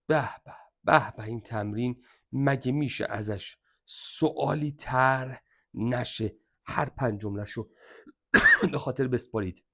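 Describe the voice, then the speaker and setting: A man's voice: mid-range voice, a bit bright. A man with an Iranian Persian accent teaching an exam review lesson, emphatically repeating which points are very important.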